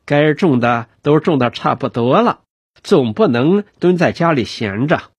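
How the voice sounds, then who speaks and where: A man's voice: on the high side, expressive, measured pace, husky, no echo. A man voicing a folksy old cart driver. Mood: chatty. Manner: folksy, homely talk. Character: cheerful older rural male cart driver.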